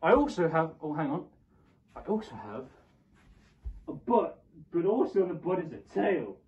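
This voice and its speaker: A man's voice: a little high, very animated, moderate pace, darkish tone. A man rambling hesitantly with many fillers in a comedy skit and fursuit showcase, recorded on lo-fi audio. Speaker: fursuit video creator. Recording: lo-fi muffled recording.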